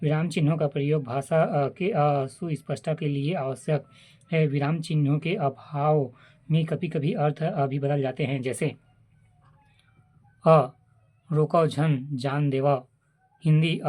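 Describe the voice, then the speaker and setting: Slow, halting man reading grammar notes. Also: a little high, darkish tone. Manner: halting, many filler sounds and restarts. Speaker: teacher reading a grammar book. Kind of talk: reading a grammar chapter aloud.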